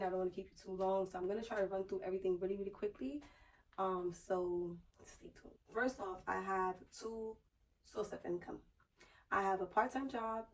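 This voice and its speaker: Hoarse woman vlogger, slightly distant mic. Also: mid-range voice, a little mellow. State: hoarse, strained voice just back after losing it, sore throat. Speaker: YouTube vlogger. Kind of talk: casual personal finance vlog.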